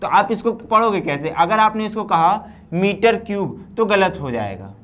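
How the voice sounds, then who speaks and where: A man's voice: sits high, animated, moderate pace, fairly bright tone. A man teaching a physics class, asking and answering his own questions and repeating points for the students. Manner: addresses students as children. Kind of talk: recorded class lecture.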